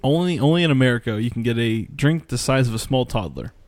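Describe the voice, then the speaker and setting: A man's voice: mid-range voice, expressive, fast, a little mellow, no echo. A man hosting a horror podcast in casual, blunt banter, swearing freely. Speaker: podcast host.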